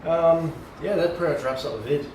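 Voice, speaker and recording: A man's voice: on the high side, brisk, noisy background. A man, a home brewer, chatting casually through a how-to video, rambling with lots of ums and restarts. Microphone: camera from a distance. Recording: roomy and distant camera mic.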